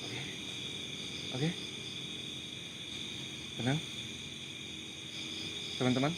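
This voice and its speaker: A man's voice: mid-range voice, steady tone, very slow, noisy background. Man hunting ghosts outdoors at night. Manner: hushed and tense, muttering prayers and pleading. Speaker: paranormal investigation host. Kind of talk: live ghost-hunting commentary. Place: outdoors at night among trees.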